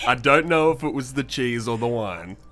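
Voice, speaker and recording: A man's voice: mid-range voice, animated, moderate pace, bright, forceful tone. A man playing a tabletop game, joking dryly in mock wine-tasting terms. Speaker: player. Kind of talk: tabletop role-play chat.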